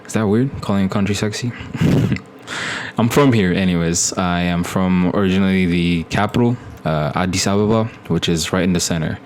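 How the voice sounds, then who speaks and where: A man's voice: deep voice, moderate pace, slight background noise. A young man from Ethiopia chatting casually on a live stream, rambling with many fillers and restarts.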